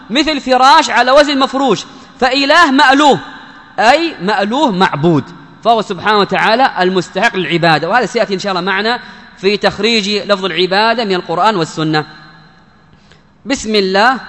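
A man's voice: high voice, pushed and bright, big-room sound. A man giving an Islamic grammar lesson as a religious teacher, emphatic, posing questions and answering them himself.

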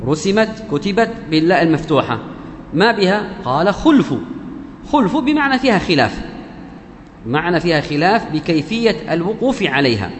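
Male recitation teacher with a fairly high voice, repeats key words and leans up in pitch to stress a point; long hall reverb. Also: slight background noise. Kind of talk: explanatory lesson.

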